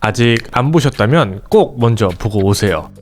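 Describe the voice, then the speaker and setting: A man hosting an education channel, giving a scripted, animated explainer aimed directly at parents. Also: medium pitch, normal speed, faint music behind. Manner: lively, animated delivery addressing parents directly.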